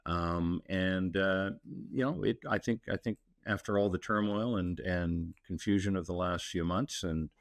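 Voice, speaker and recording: A man with a very low voice answers interview questions in a relaxed, halting way. He restarts phrases often and fills pauses with "um" and "you know". The sound is dry, with no room around it. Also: dry recording. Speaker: mining company executive guest. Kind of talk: casual interview talk.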